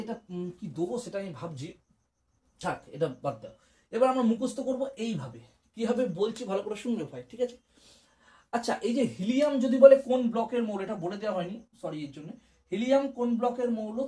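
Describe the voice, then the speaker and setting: A male chemistry teacher giving an exam-prep lesson, repeating key points, checking that students follow, and chanting memory rhymes slowly. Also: sits high, warm tone.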